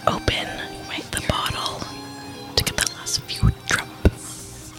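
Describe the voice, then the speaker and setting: Whispered role-play of a theatrical ASMR whisperer, a woman putting it on as a joke. The voice is soft, breathy and stretched out slowly. It sounds mock-solemn and hushed. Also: over loud music, natural voice. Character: mock ASMR whisperer sipping from a sippy cup.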